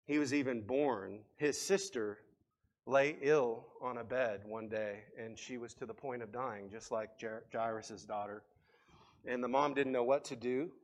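A pastor delivers a sermon as a story, his voice climbing when the tale turns urgent and sinking low for tender moments. He is a man with a mid-range voice. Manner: impassioned storytelling, rising and falling emphasis.

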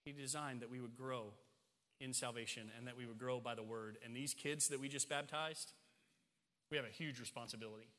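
A man's voice: medium pitch, fairly even intonation, a little fast, sharp tone. Emphatic male pastor in echoing church. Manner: emphatic, repeating phrases for stress. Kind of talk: sermon. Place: church sanctuary. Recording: long hall reverb, church sanctuary.

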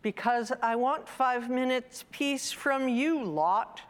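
Worn-out storybook mum, firm and weary, slow delivery, read by a woman, hall reverb. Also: a little high, pitched above the performer's own voice. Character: weary mother of three, dry humor.

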